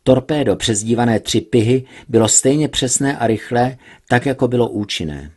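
Husky male reader of an adventure novel. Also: mid-range voice. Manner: measured, steady narration. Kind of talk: reading a serialized adventure novel.

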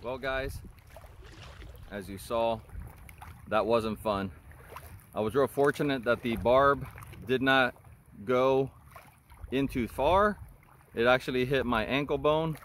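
A middle-aged man filming himself while fishing on a river shoreline, talking casually and bluntly, swearing freely, then calmly explaining to his viewers. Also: mid-range voice, takes it slowly, long pauses. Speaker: angler and channel host. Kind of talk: casual outdoor vlog talk. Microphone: action camera worn on the body, then camera facing him. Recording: outdoor wind and water noise.

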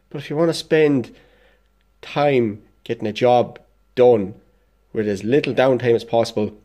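A mid-range, darkish male voice from a DIY vlogger who is congested and dosed up with illness. Working at his bench in an indoor workshop, he casually runs through a DIY fix, talking bluntly and plainly with the odd swear.

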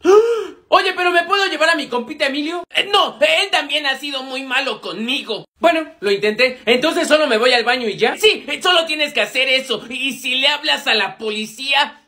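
A young man with a Mexican accent performs comedy skits in an unnaturally high voice. His tone is bright and forceful. The delivery is exaggerated and animated, switching between characters. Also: normal speed. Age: young adult. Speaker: comedy skit creator playing all characters. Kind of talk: acted school comedy skit storytime.

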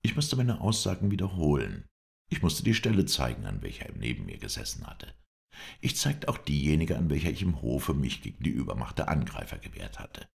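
A man reading a classic adventure novel aloud as an audiobook narrator, in a measured storytelling manner that lifts his voice for the dialogue. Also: a bass voice, big pitch swings, gravelly.

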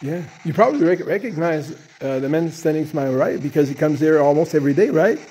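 A man leading a paranormal session with casual, halting questions addressed to spirits, pausing between short phrases. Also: on the high side, lively intonation, a little mellow. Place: inside a large underground cave. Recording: noisy handheld cave recording.

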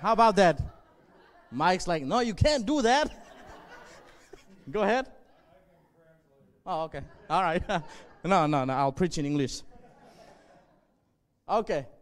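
Male pastor in his 40s, native Zomi speaker, earnest measured sermon, slightly high voice, long hall reverb. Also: lively intonation. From northwest Burma. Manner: earnest, measured, with frequent pauses and fillers. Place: church stage, indoors. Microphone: handheld.

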